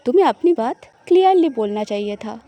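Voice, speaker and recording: A woman's voice: on the high side, expressive, a little fast, muffled recording, natural voice. Woman voicing a teasing, possessive wife. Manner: teasing, flirtatious.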